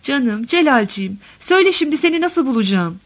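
A woman reads an audiobook passage from a literary novel, voicing a desperate middle-aged wife who pours out her longing in a high, tender voice. The wife pleads and insists with deep emotion, and the delivery is brisk and sing-song.

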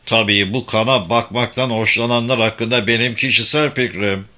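Ragnar, a hoarse, rude young cop, played by a man. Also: medium pitch, steady tone, moderate pace, sharp tone, natural voice. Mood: contemptuous. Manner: rough, contemptuous. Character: rude, hostile young policeman about 25.

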